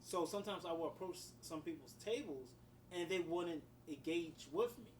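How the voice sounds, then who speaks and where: A man's voice: a little high, normal speed, recorded from a distance, rough recording. A man co-hosts a casual podcast, his slightly raised voice sounding set back from the microphone. He rambles along, leaning on fillers. A faint hiss runs underneath. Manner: rambling, many fillers like "you know" and "whatnot". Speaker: podcast co-host, writer.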